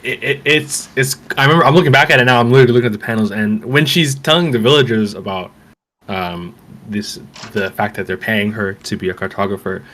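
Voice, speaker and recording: A man's voice: fairly low pitch, brisk, a bit bright. A man hosting a podcast, chatting enthusiastically and casually, calling his co-host "bro". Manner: enthusiastic, many fillers and restarts, says "bro". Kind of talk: casual chat.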